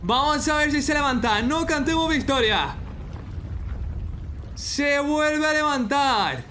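A young man with an accent from Spain, giving excited, exclamatory reaction commentary as an anime fan. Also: very high voice, takes it slowly, slight background noise. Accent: Spanish from Spain. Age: young adult. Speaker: reaction video host.

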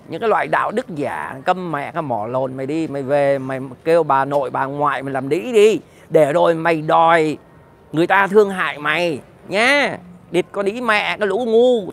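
A man's voice: on the high side, animated, normal speed, creaky, a bit bright, slight background noise. A man ranting heatedly to his viewers in a profane, direct monologue. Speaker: political commentator.

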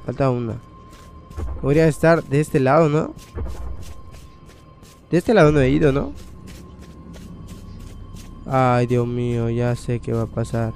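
Man, young adult, gravelly, dark tone, horror game commentary, swearing, loud startled outbursts. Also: mid-range voice, fairly even intonation, measured pace, pauses often, faint music behind. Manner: casual, swearing, thinking aloud, loud scared outbursts. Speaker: gaming channel host.

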